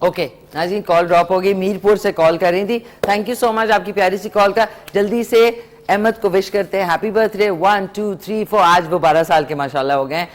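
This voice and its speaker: A woman's voice: mid-range voice, moderate pace. A middle-aged woman, hosting a live morning TV cooking segment and chatting to viewers and callers. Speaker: morning show host.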